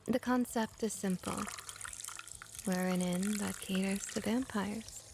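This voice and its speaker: A woman roleplays a warm vampire innkeeper in soft ASMR, sounding friendly and curious. Her mid-range voice is slow and creaky, gentle and reassuring with frequent whispers, and background noise can be heard.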